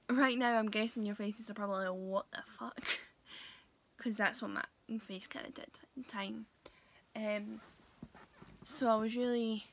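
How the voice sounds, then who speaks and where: A young woman talking casually to her viewers in a vlog, hesitant and full of pauses and fillers. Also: a little high, a bit bright. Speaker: vlogger. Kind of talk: casual vlog talk to camera.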